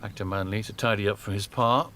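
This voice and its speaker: A man's voice: on the low side, steady tone, brisk, a bit bright, slight background noise. A man giving live golf commentary in short, descriptive phrases.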